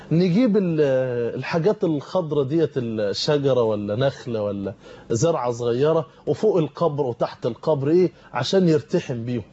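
A man's voice: a little high, dark tone, husky, muffled recording. A man preaching a televised sermon in an Egyptian accent, delivering fervent, urgent warnings to his listeners in a studio. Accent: Egyptian Arabic.

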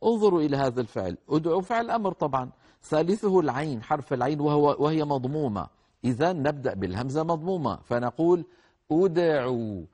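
Arabic teacher explaining and chanting recitation rules. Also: male voice, on the high side, lively intonation, a little mellow. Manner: explains patiently, then chants verses slowly and drawn out; addresses students directly, correcting common mistakes. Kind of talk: tajweed lesson with recited examples.

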